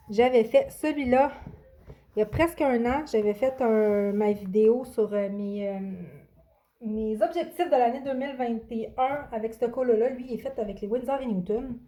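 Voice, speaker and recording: A woman's voice: medium pitch, warm tone. A woman, casually presenting her coloring books in a vlog, hesitant with many fillers and restarts. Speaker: adult coloring vlogger. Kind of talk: casual show-and-tell vlog.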